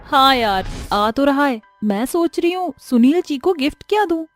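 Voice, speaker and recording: A woman voicing a cruel, scornful young daughter-in-law in a storybook tale, with a shrill, sneering manner. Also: expressive, normal speed, faint music behind. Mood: casual. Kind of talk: storybook voice acting.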